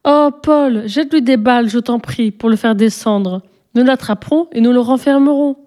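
A woman's voice: normal speed, mellow, lightly acted. A woman voicing a spirited, stubborn little girl in a storybook reading, eager and pleading. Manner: eager, pleading, high-pitched.

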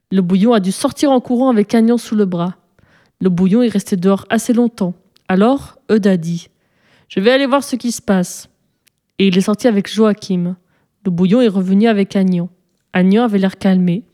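A woman reading a children's story aloud, lively and switching voices for the characters. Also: medium pitch.

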